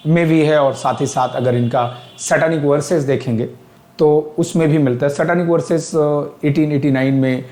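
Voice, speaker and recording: A man's voice: fairly high pitch, steady tone, normal speed, a little mellow. Hindi-speaking male teacher in an echoey room. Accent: Indian English. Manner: explains step by step, asks questions aloud, mixes in English terms. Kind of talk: exam-prep lecture.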